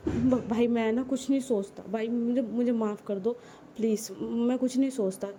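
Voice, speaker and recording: A woman's voice: fairly high pitch, steady tone, moderate pace, mellow, slight background noise, natural voice. A woman voicing a shy young husband who stammers heavily and gets nervous in an amateur audio story. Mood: flustered.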